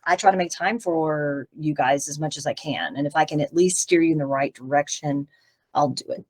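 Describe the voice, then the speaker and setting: A middle-aged woman from Tennessee chats openly with her interviewer, rambling from one thought to the next. Her voice sits a little low for a woman, relaxed and unhurried in a casual video-call interview. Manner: chatty, rambling, warm and open. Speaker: guest voice actress.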